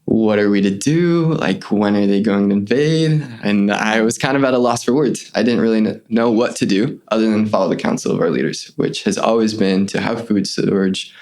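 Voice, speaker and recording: A young man with a fairly low voice and some vocal fry tells the story of his missionary service as a guest on an interview podcast. He recounts it earnestly and animatedly, quoting the voices of people involved.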